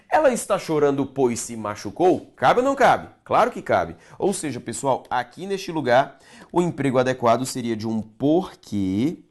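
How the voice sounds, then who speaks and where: A man with a fairly high-pitched voice teaches Portuguese grammar in a video lesson for exam candidates. He writes on a board while talking, poses rhetorical questions to the class, and slowly stretches out key words.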